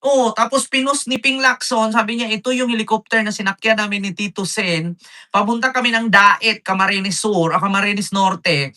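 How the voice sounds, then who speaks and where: A man's voice: high-pitched, steady tone, moderate pace. A man doing live political commentary for his viewers, retelling an argument in combative back-and-forth quotes and speaking straight to his audience. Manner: addresses viewers directly, gives shoutouts. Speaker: political vlogger.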